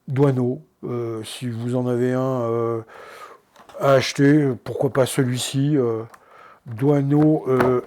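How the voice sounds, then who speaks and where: A photographer presenting his photo books in a casual show-and-tell, hesitant, with many fillers and restarts, often trailing off softly. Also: medium pitch. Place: indoors at his book shelves.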